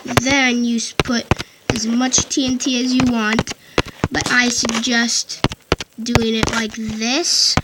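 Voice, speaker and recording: A woman with a slightly high voice and a level tone narrates a casual game tutorial into her headphone mic. She speaks haltingly, often stopping to correct herself and start over. The headset mic picks up loud background noise.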